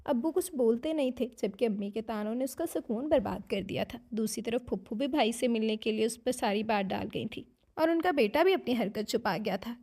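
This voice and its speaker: A woman narrating a dramatic romance novel in a steady storytelling voice. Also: a little high.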